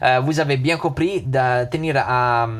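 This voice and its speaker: A man's voice: medium pitch, a little slow. A man with a foreign accent in French who is not a native speaker, giving a casual unscripted game review and often repeating words and restarting. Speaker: gaming video host.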